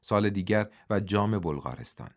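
Male audiobook narrator, low-pitched, dramatic and expressive delivery.

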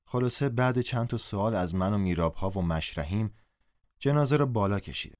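A man's voice: fairly low pitch, expressive. A man narrating a story in first person, reading the dialogue aloud with a raised voice. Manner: reads dialogue in a raised, louder voice.

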